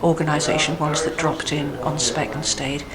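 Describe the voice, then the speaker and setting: Female society spokesperson, standard English accent, thoughtful and halting interview delivery, clear crowd chatter in the background. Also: sits low, fairly even intonation, rough recording. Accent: English, fairly standard. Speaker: society vice president, piper. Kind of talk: spoken interview explaining an event. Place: inside a museum at a public gathering. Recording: busy crowd chatter behind.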